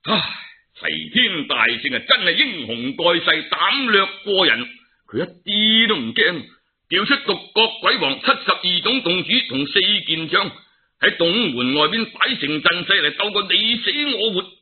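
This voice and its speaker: A man's voice: high voice, big pitch swings, a little slow. A man with a Cantonese accent telling a traditional tale in a dramatic, theatrical and colloquial storytelling style, full of exclamations. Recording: narrow, tinny phone-like sound.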